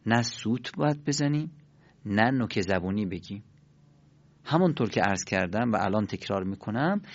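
A man's voice: medium pitch, dry recording. A man teaching pronunciation in a patient spoken lesson, repeating and demonstrating sounds for his listeners. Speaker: Quran recitation teacher. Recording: dull, dry, lo-fi recording.

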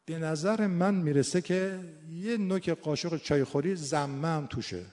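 Man, native persian speaker, teaching, slightly high pitch, sounds from a reverberant hall. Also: a little mellow. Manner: demonstrates vowel sounds aloud, slow and drawn out. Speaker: teacher of Quran recitation and phonetics. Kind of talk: informal spoken lecture.

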